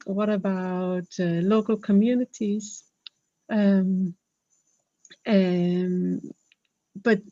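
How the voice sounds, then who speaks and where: A Danish woman and health professional speaks English as a second language in a webinar talk, with a Danish accent. Her mid-range voice is warm, with no room sound and the highs cut off, and she's earnest and hesitant, full of fillers and restarts.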